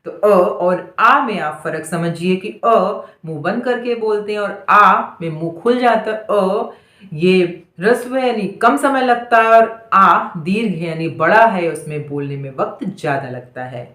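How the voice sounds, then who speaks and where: A woman teaches a dictation lesson at a very slow, deliberate pace. She sounds out single letters and repeats each word over and over with patient care, and her voice rings in an echoey room. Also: mid-range voice, fairly bright tone.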